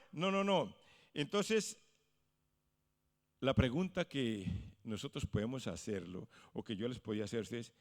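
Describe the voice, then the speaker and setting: Emphatic preacher man in a church hall. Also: medium pitch. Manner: swings from hushed to loud exclamations. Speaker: pastor. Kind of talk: sermon.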